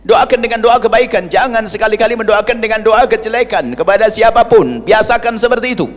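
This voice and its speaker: A male preacher delivers a sermon in a rather high voice, lively and emphatic. He swings between loud, stressed phrases and hushed remarks. The recording has a long, hall-like reverb. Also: fairly quick. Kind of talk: religious sermon.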